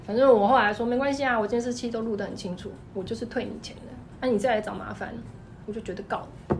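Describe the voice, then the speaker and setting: A woman with a Taiwanese Mandarin accent, a clothing shop owner telling stories in an animated, emphatic way. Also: on the high side, slight background noise. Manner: animated, fast-talking, emphatic. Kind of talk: casual storytelling chat.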